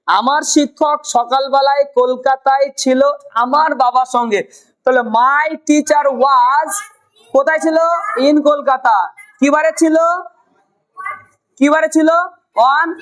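A woman with a high voice runs a spoken English lesson. She asks the same question again and again and slows down on the key phrases for her learners to repeat. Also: a bit bright, rough recording. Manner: drills learners with repeated questions and slow prompts. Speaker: English teacher.

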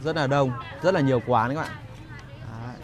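A man giving a casual walking vlog commentary as a guide, pausing often on fillers as he talks to viewers. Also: mid-range voice, a crowd in the background. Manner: hesitant phrasing with frequent filler pauses. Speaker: market vlogger and guide. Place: outdoors in a busy rural street market. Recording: noisy outdoor market street ambience. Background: market bustle and vehicles.

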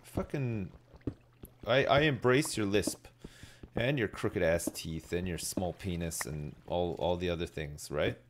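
A middle-aged man with a low-pitched voice chats to viewers while gaming. He rambles in a laid-back way and swears freely. He is close on the mic at a desk indoors, with clear noise and clicking behind him. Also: measured pace. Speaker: game streamer. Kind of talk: casual live gaming commentary, chatting with viewers.

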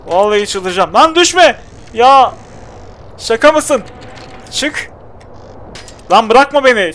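High-voiced exasperated Turkish-speaking gamer. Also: male voice, a bit bright. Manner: exasperated, talks to the game character. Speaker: gameplay commentator. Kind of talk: casual gameplay commentary.

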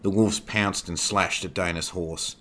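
A man narrating a werewolf horror story in a steady, scripted reading. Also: deep voice, unhurried.

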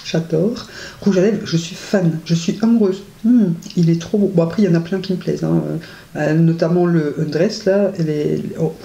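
A woman's voice: fairly low pitch, steady tone, brisk, gravelly, warm tone, muffled recording, slight background noise. A woman casually reviewing makeup on her vlog, chatty and enthusiastic, with many hesitations and gushing words of praise. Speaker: beauty vlogger. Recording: roomy echo.

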